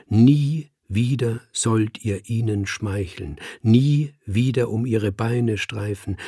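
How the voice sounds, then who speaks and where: A solemn male cat holds forth to his fellow cats in a slow, sonorous, sermon-like voice, as a man reads him in an audiobook. The tone is low and a little husky. The recording is close and dry. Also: a little mellow, no room sound, heavily acted. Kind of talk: audiobook reading.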